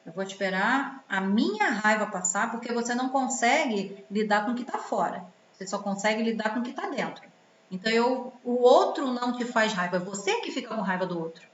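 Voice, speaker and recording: Expressive woman giving advice. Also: on the high side, a little fast. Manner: expressive, rhetorical questions, acts out quoted voices. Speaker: relationship advice host. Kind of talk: commented reading, advice talk. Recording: roomy, slightly dull sound with faint background noise.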